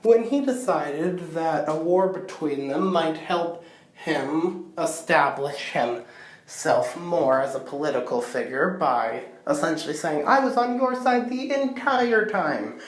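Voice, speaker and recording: Sardonic woman giving a slow comic history lecture. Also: deep voice, echoey room, poor audio. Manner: sardonic, irreverent asides. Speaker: history presenter.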